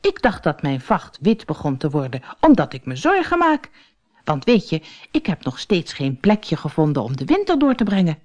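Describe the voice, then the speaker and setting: A woman's voice: huge pitch swings, normal speed, heavily acted. A woman doing Barney, a fretful little stoat. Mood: relieved. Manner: anxious, pleading, high and bright. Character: small worried young male stoat.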